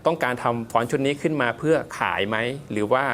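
A man's voice: mid-range voice, fast, fairly bright tone, slight background noise. A man, a font designer guest, giving polite, step-by-step explanatory answers in an interview, with loose casual fillers.

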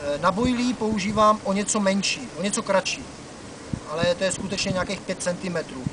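Man chatting outdoors on a river dock. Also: high voice. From Czech Republic. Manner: chatty, with frequent "eh" fillers. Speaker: angler and fishing vlogger. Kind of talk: casual outdoor fishing talk to camera. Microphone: camera mic from a few meters away. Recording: distant camera mic with outdoor noise.

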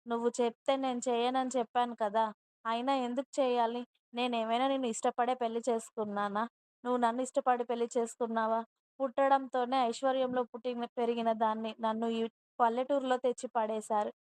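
A defiant, spoiled young wife from a storybook, as a woman narrator puts her on. She answers back with haughty scorn in a higher voice that stays flat and even in its tune. The sound is smooth and clear, close and dry. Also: fairly quick, no echo, close to an everyday voice. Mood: scornful.

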